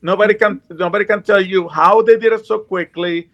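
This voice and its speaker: A Puerto Rican man with a Puerto Rican accent is a guest on a video call, chatting casually in an earnest, rambling way and often restarting his sentences. His voice is high with a steady tone and a slightly fast pace, and the recording's highs are cut off.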